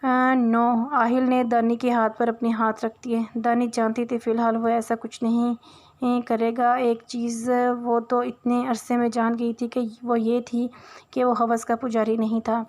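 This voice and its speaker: A woman reading a romance novel aloud in a steady, even way, with small hesitations between lines. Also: on the high side. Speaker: novel reader.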